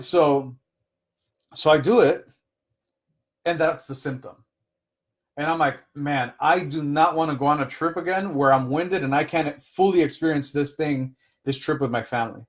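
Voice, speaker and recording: A man giving business advice in a live coaching session, talking casually, explaining through personal examples and often checking in with "right?". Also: a little high. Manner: conversational, keeps checking in with "right?".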